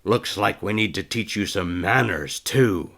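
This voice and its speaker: A man reading a storybook as a gruff, scarred older male trainer with a gravelly, blunt voice. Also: on the low side, expressive, measured pace, a bit bright, full character voice. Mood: taunting. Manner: blunt, taunting.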